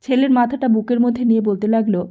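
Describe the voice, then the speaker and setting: Woman audiobook narrator, calm storytelling, higher voice, dull lo-fi recording. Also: fast talker. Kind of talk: scripted narration.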